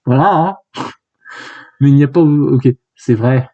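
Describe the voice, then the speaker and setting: A man's voice: medium pitch, measured pace, dark tone. A young man giving a rambling, joking commentary while reading a manga aloud. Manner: rambling, jokey, many fillers and restarts. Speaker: youtuber. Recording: dull lo-fi sound.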